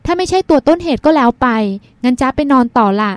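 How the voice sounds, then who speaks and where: A woman's voice: high voice, expressive, fast talker, no echo. A woman reading a teasing, sulky young woman. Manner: pouty, playful, bratty.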